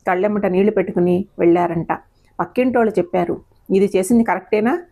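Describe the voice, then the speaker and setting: A woman's voice: medium pitch, fairly even intonation, fast talker, mellow, close to an everyday voice. A woman voicing a young working man, hurt and earnest, pleading his side in an audio story. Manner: pleading, aggrieved.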